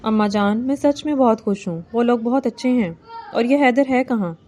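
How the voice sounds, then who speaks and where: Woman reading a shy young bride, soft and pleading, fairly high warm voice. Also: natural voice. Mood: gentle. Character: timid young bride, gentle and eager. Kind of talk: novel reading.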